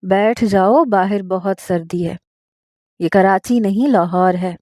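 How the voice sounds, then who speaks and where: A woman voicing a patient, fatherly old man who serves as a mosque imam, speaking slowly and soothingly. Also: mid-range voice, fairly even intonation, no echo, clean studio sound, close to an everyday voice. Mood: tender. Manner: slow, soothing, gently persuasive.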